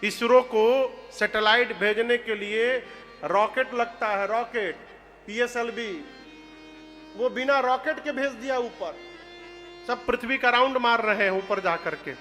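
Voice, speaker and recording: Animated high-voiced male storyteller. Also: unhurried, soft background music. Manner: animated, joking, bursts into loud chants. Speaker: religious storyteller. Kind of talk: humorous devotional storytelling.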